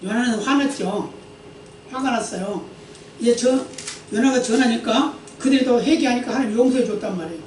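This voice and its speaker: A man's voice: very high-pitched, fairly quick, darkish tone, a little hiss or hum. A man preaching a Sunday sermon as pastor, reading scripture aloud and explaining it with rhetorical questions to the congregation. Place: church sanctuary. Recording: echoey church hall, mic at a distance.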